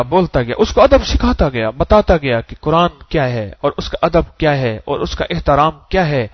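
A man preaching an Urdu sermon with emotive swings between loud emphasis and soft low asides, sometimes reciting verse in a sing-song cadence. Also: dry recording, dull audio.

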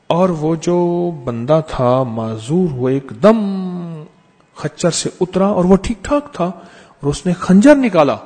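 Animated male preacher telling a story. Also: on the high side, breathy edge, big-room sound. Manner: dramatic storytelling, emphatic repetition. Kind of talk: storytelling sermon.

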